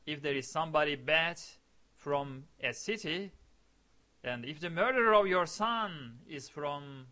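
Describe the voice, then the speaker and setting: Slow and deliberate, this storyteller from eastern Turkey shares a personal story in English, circling back over phrases while he looks for the right words. His voice is bright and on the high side.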